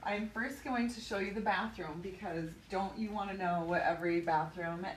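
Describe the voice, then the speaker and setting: A physical therapy clinic owner, chatty and bubbly, walks through the hallways and treatment rooms of her small indoor clinic, giving a casual live tour. Her mid-range voice moves at a moderate pace and sounds distant, since another person holds the phone camera a few feet away, producing roomy audio with a faint hum.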